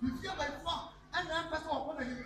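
High-voiced Ghanaian preacher in an echoing hall. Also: male voice, fast. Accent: Ghanaian English. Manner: moves about the stage, swings between loud calls and low asides. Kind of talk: sermon with call and response. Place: large church hall under a metal roof. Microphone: handheld microphone. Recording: echoey hall, far from the camera, music behind.

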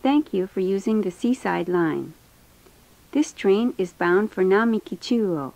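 A woman reading a recorded onboard train announcement in a clear, formal manner. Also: medium pitch, animated, slow, darkish tone.

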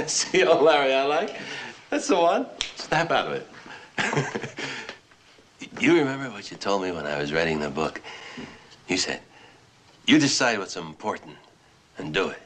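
An actor playing a tipsy, boisterous novelist who rambles and laughs, lonely under the bluster. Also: male voice, lowish voice, expressive, unhurried, pauses often, fairly bright tone. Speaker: writer. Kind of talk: 1960s film acting. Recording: old film soundtrack, faint hiss.

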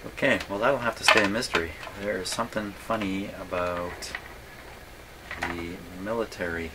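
Here a radio repair hobbyist hosts from his indoor electronics workshop, his low, steady voice moving at a moderate pace. He muses casually aloud as he narrates the work, with a wry, self-deprecating streak. Workshop noise sits in the background of a clear recording.

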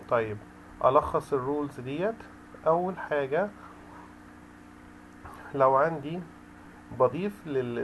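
A man's voice: on the high side, a little hiss or hum, poor audio. A man with an Egyptian Arabic accent, an English tutor explaining grammar rules step by step, mixing in English terms with frequent hesitant fillers.

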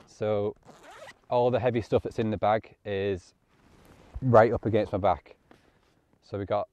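Outdoors on an open, grassy hill, a man who photographs landscapes gives casual hiking advice to camera in a plain, matter-of-fact vlog style. He has a fairly low pitch and a dark tone. There's no echo, but the sound is lo-fi.

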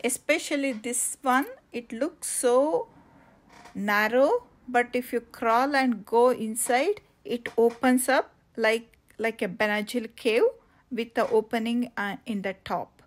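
Woman travel vlogger, slightly high voice, slow and halting casual narration, recorded on a phone outdoors. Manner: slow, halting with many fillers and restarts. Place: outdoors on coastal cliffs.

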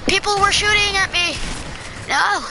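A young gamer chatting with a teammate during a match, getting excited and yelling when in danger. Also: female voice, extremely high pitch, moderate pace. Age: child. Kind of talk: casual gaming chat. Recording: noisy game audio behind.

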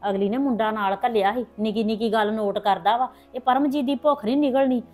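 A woman's voice: on the high side, fast talker, a little mellow, soft background music, close to an everyday voice. A middle-aged woman playing a worried mother who visits her sister-in-law and pleads anxiously for help, in a family drama. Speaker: character in a family drama vlog. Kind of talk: hobby village family drama.

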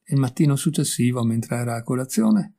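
Man with a dark, husky reading voice. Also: medium pitch, very animated, fairly quick. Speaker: audiobook reader. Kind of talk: scripted literary narration.

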